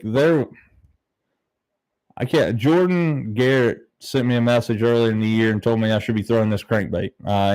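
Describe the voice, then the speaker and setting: A man hosts a livestream in a relaxed, rambling, buddy-to-buddy way, tossing in slangy asides. His pitch sits in the middle for a man. He speaks casually from a small home room. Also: dry recording, rough recording. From southern Ohio, United States. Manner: laid-back, rambling, peppered with "man" and "dude". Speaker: fishing livestream host. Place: very small, bare-walled home room used as a studio, slightly echoey.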